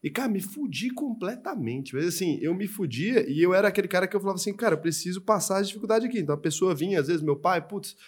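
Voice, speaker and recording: A man's voice: sits high, lively intonation, quick pace, few pauses, slightly rough. A man from Brazil hosting a casual podcast chat, with casual, slangy reactions and stories.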